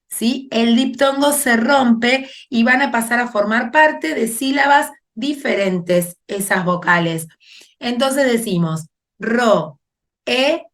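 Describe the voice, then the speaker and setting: Slow, patient woman teaching a lesson. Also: a little high, fairly bright tone. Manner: patient, drawn-out explaining with checking questions. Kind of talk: classroom grammar lesson.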